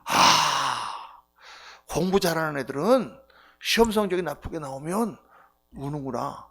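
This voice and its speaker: A middle-aged man preaching at a revival, his voice set high for a man and rising and falling a great deal. He tells stories, acts out the people in them, and drops from near-shouts to hushed asides. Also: unhurried, breathy edge. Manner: animated storytelling with sharp swings between loud outbursts and near-whispers; acts out quoted voices and repeats key phrases. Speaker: pastor. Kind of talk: revival sermon.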